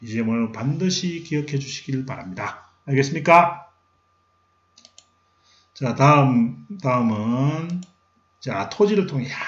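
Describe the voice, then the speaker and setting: A middle-aged man giving a recorded history lecture, asking questions and then answering them himself. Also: mid-range voice. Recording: roomy, slightly dull lecture recording.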